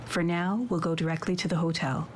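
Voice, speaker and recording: A woman's voice: lowish voice, little pitch movement, brisk, heavy background noise. A woman giving scripted tutorial instructions for a video game in a composed, instructional manner. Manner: clear-worded, instructional, composed. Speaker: tutorial narrator.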